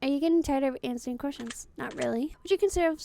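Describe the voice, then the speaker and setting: A young woman with a high, mellow voice chats casually through a game as a streamer. She talks bluntly and swears freely, moving from one answer to the next. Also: quick pace, creaky, slight background noise. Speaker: VTuber streamer. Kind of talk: casual gameplay commentary.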